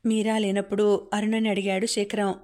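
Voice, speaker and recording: A woman reading a novel aloud as an audiobook narrator, in a calm, even storytelling manner. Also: medium pitch, fairly quick. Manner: calm, even storytelling, quoting characters without acting them.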